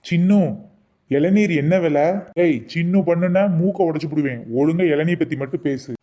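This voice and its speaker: A man's voice: a little high, normal speed, dark tone, lo-fi sound. Blustering man in a comedy skit. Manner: blustering, bossy, scolding. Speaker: comic actor playing a coconut seller.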